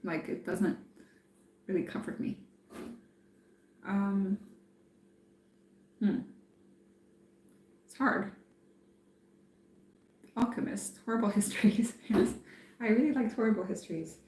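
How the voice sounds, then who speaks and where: A woman who grew up in France, chatting casually on a live stream and thinking aloud with many pauses and fillers. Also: medium pitch, a little mellow. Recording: echoey room.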